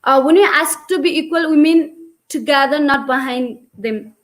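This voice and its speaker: A woman's voice: high voice, normal speed. A young woman with a Nepali accent speaking earnestly as a panelist on a webinar video call. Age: young adult. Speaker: youth panelist.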